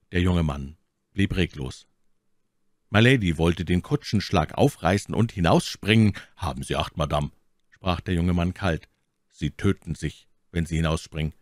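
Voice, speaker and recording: A man reading a classic novel aloud in measured audiobook narration. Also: sits low, no echo, clean studio sound. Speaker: audiobook reader.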